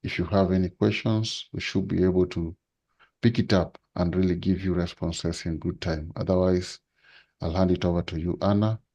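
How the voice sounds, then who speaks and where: A man's voice: sits low, fairly even intonation, normal speed, dark tone, slightly rough, dull audio. A man hosting an online webinar, giving a formal introduction of the speaker over a video call, with speech-like, repetitive phrasing. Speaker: webinar host.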